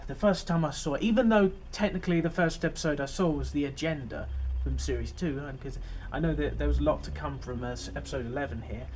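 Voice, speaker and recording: A man's voice: on the high side, quick pace, hardly any pauses, a little mellow, slight background noise. A man giving a casual, rambling overview of an episode as host of his fan series, full of fillers and restarts.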